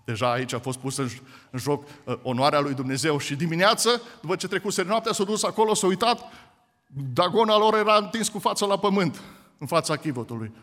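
A man's voice: sits high, fairly bright tone. A man preaching a sermon, retelling a scripture story with emphatic storytelling and acted-out voices. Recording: reverberant hall.

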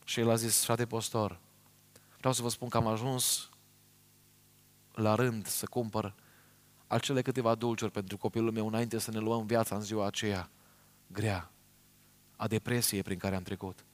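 A man's voice: on the low side, flat delivery, long pauses. A middle-aged man from Romania preaching a sermon, telling a story earnestly and speaking straight to his congregation.

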